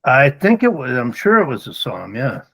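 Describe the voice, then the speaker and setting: A man taking part in a video call, recalling things in a halting, hesitant way. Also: medium pitch, wildly swooping pitch, a bit bright, husky, rough recording. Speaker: webinar participant. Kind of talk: casual recollection.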